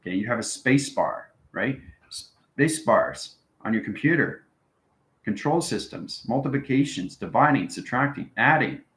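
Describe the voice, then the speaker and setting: A man with a medium-pitched, slightly bright voice hosts a live stream, answering viewers with a rambling spiritual explanation. He's instructional and keeps checking in with short tags like "okay" and "right," and the sound is reverberant.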